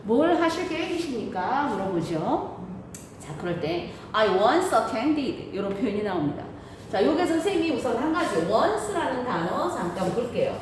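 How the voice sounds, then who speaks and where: A woman teacher speaks through a face mask in a very echoey room with clear background noise. Her voice moves up and down in a lively way as she explains the lesson, posing questions and answering them herself. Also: fairly high pitch, a little slow. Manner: didactic, often asking and answering her own questions. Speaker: English grammar teacher.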